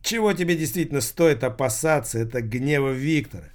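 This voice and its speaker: A man's voice: mid-range voice, fairly quick, natural voice. Audiobook: a playful, mocking businessman, played by a male narrator, mid-range voice, teasing delivery.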